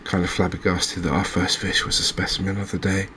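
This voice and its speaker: Hosting a gaming channel, a man plays a fishing game and offers quiet commentary in a low, extremely flat and even voice. He muses without hurry, pausing while he hunts for words. Faint ambient noise lingers in the background.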